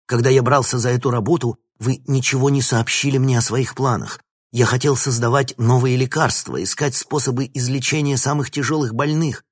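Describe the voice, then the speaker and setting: A man's voice: sits low, normal speed, breathy edge, no room sound, clean studio sound. A man voicing an agitated plump male professor who protests indignantly and raises his voice. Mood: outraged, shouting. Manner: shouting, outraged, pleading.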